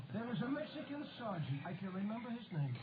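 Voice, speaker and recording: A noisy, narrow old recording carries a jovial male army sergeant. His voice is high for a man, and he talks like a folksy yarn-spinner in 1940s radio drama. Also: sing-song, fairly quick. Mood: jovial, reminiscing. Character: jovial old-hand American cavalry sergeant telling yarns.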